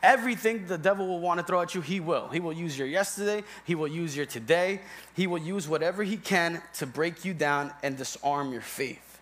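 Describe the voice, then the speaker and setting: A man's voice: a little high, brisk, hardly any pauses, a bit bright. A young man preaching as a church elder in a church, conversational and joking, calling on his congregation. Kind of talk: sermon. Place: church sanctuary.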